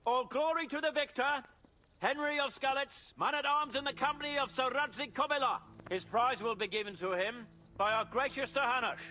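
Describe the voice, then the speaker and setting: An actor playing a medieval tournament herald in a video game, making formal, declamatory proclamations. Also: male voice, normal speed. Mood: ceremonial, proud. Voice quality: high, bright, projecting. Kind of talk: formal ceremonial announcement. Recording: music behind the voice.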